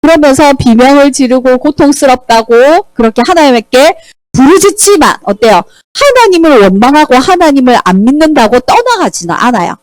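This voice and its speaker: A woman teaching a children's Sunday school Bible lesson, animated and asking the children questions. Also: sits high, normal speed, dry recording, poor audio. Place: church classroom.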